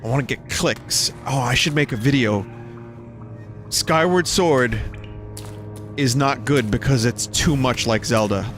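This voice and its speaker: A man's voice: mid-range voice, normal speed, few pauses, fairly bright tone. A young man giving casual, rambling gameplay commentary as a streamer, joking and swearing freely. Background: game music.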